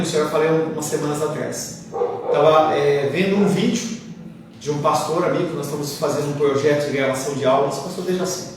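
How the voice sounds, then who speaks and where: A man's voice: a little high, slight background noise. A man with a Brazilian Portuguese accent, preaching a sermon as a pastor in a conversational way, full of asides and anecdotes. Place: church hall. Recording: echoey room from far off with faint ambience.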